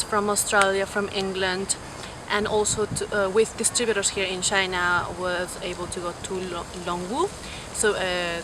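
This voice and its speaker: A young woman from Peru answering interview questions about her studies and work, fluent but with frequent fillers and restarts. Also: medium pitch. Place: outdoors on a university campus. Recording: clear background noise.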